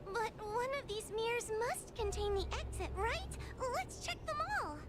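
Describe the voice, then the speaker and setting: A woman's voice: extremely high pitch, lively intonation, normal speed, noisy background. A woman voicing a timid, anxious young girl in a video game, hesitant and childlike. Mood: curious, uneasy.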